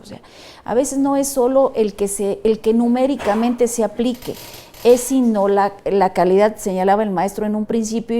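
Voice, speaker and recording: A woman, a panel guest speaking in a measured, conciliatory way with frequent restarts. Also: medium pitch, dark tone. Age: 50s. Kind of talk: studio panel discussion.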